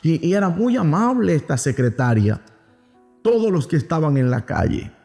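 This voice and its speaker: A man with a Venezuelan Spanish accent preaches a Sunday school sermon, telling a story, acting out its quotes and calling his listeners "mis amados." His voice is a little high and creaky with a warm tone, swinging widely in pitch at a normal speed. Soft music plays behind him, and a long hall reverb surrounds the recording.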